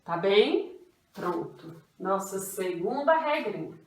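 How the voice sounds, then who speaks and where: Slow, patient Brazilian woman teacher. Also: mid-range voice, big pitch swings. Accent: Brazilian Portuguese. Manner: patient, refers to herself as "tia", repeats rules slowly. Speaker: primary school teacher. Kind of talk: online grammar lesson for children. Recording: echoey room, voice from a distance.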